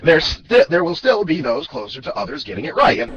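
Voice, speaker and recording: A man's voice: on the high side, big pitch swings, brisk, a bit bright, lo-fi sound. A man lecturing and rebutting an opponent in a debate video, pedantic in tone.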